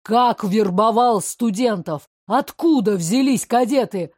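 A woman's voice: medium pitch, unhurried, darkish tone, dry recording, clean studio sound, natural voice. A woman reading an audiobook, voicing a furious, commanding middle-aged grand duke who growls and barks his questions. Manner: growling, barking interrogation.

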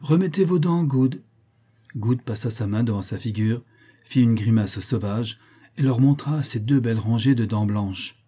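A man narrating an adventure novel in the first person, in a steady, measured reading. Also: fairly low pitch, breathy edge. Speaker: audiobook narrator.

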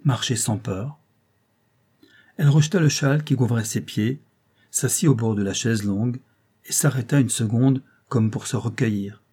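Give me a male audiobook reader with a husky, mellow voice, measured and steady. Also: medium pitch. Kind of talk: reading a novel aloud.

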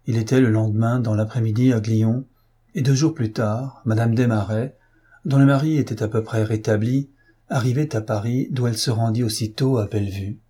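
Mellow-voiced male audiobook narrator. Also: mid-range voice, steady tone, breathy edge. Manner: measured, composed narration. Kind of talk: audiobook reading.

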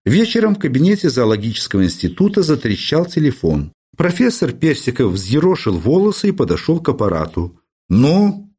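A man reading a literary audiobook in an expressive, measured storytelling manner. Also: medium pitch, slightly rough. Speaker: audiobook narrator.

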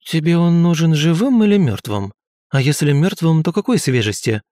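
A man's voice: a little high, lively intonation, moderate pace, dark tone, no echo, studio quality, pitched above the performer's own voice, close to an everyday voice. A man voicing an eccentric undead male ghost scientist who rambles in a matter-of-fact, businesslike way. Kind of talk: audiobook character voice.

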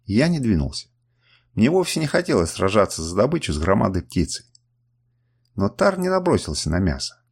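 A man reading a first-person audiobook in a dramatic, expressive way. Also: lowish voice, normal speed, gravelly, husky. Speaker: audiobook narrator.

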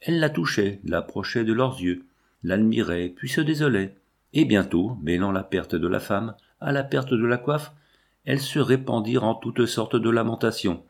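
Male audiobook narrator, measured literary reading, husky, lowish. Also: expressive.

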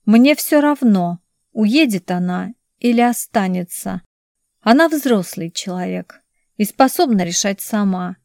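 A woman voicing a mocking, quietly cruel young man in a slow, sneering, drawn-out way. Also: mid-range voice, lively intonation, creaky, no room sound, clean studio sound. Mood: cold.

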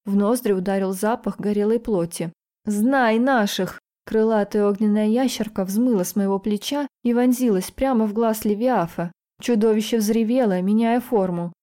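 A woman narrating a fantasy novel in the first person with steady, expressive reading. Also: mid-range voice, normal speed, few pauses. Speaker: audiobook narrator.

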